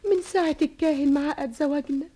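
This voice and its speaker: Brief: actress playing a distraught young woman, Egyptian accent, tearful pleading, very high voice. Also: steady tone, fast talker, warm tone, close to an everyday voice. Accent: Egyptian Arabic. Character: anguished young woman pleading with her troubled lover. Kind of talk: Egyptian TV drama acting.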